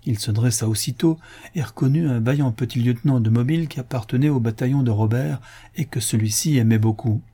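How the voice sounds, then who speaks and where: Man reading a novel aloud, husky. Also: medium pitch, mellow. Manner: measured literary reading. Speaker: audiobook narrator. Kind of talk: scripted narration.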